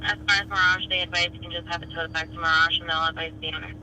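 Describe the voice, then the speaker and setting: A man's voice: on the high side, little pitch movement, racing. A man working as a police dispatcher, heard over police radio, giving clipped radio codes. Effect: police radio transmission. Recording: noisy scanner radio audio.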